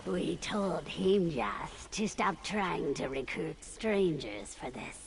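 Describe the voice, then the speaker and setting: A woman's voice: fairly low pitch, very animated, slow, vocal fry, background noise, heavily acted. An actress voicing a weary, disapproving lizard-folk villager woman in fantasy game dialogue.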